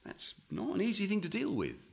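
A man playing an earnest, lively writer. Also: high voice, brisk, gravelly, heavily acted. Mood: pleading. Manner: earnest, pleading, reads prose aloud. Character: earnest adult male writer. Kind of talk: comedy audio drama.

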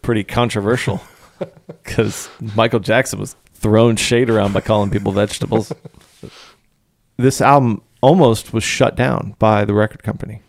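A man with a lowish voice co-hosts a relaxed music chat. He jokes around and laughs often. The sound is dry and close, with no room echo. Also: normal speed, gravelly. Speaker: podcast co-host.

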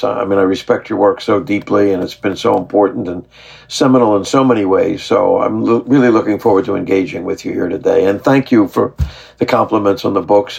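A man with a fairly low, gravelly voice talks as an interview guest on a video call. His tone is husky, and his manner is gracious and upbeat in relaxed conversation. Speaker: guest scientist.

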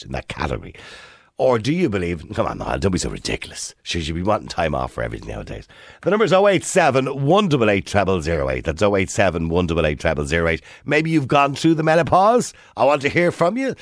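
Very animated Irish male radio host. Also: fairly low pitch, dry recording, clean studio sound. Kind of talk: conversational radio presenting. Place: radio studio. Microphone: close studio microphone.

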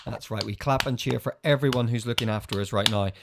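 A man's voice: mid-range voice, quick pace, gravelly, heavy background noise. A man co-hosting a family podcast, cheerfully reading out listener messages and jokes. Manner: upbeat, reads out listener messages. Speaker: podcast co-host.

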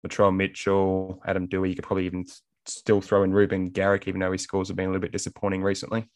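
Low-voiced Australian man talking sport. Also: completely flat delivery, rapid-fire, no room sound. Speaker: fantasy rugby league panellist. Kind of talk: casual sports analysis.

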